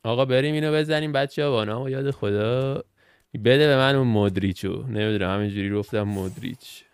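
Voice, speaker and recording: A man's voice: medium pitch, smooth, no echo, clean studio sound. A young man from Iran hosting a gaming channel, chatting casually and thinking aloud as he reacts to the cards he opens. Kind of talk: casual gameplay commentary.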